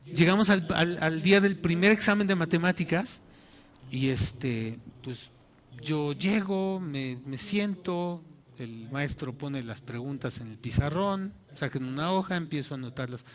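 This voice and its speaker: A man with a Mexican accent, a pastor preaching a sermon and telling a personal story in an animated way, acting out the voices in it. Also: fairly high pitch, a little slow. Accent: Mexican Spanish.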